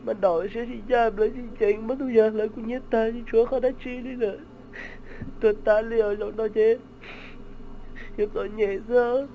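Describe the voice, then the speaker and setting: A man's voice: high-pitched, steady tone, fairly quick, narrow, tinny audio. A man rambling in casual conversation, coming back to the same phrases.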